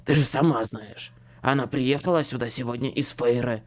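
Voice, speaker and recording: A man's voice: medium pitch, normal speed, lightly acted. A man voicing a curt, blunt man who hisses and mutters, in an audiobook. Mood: gruff.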